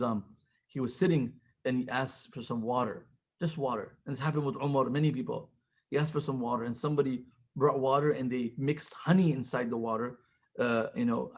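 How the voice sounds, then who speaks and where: A man's voice: medium pitch, husky. A man leading a college Islamic study circle, retelling stories with quoted speech and weaving Arabic phrases into his English. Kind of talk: storytelling religious talk.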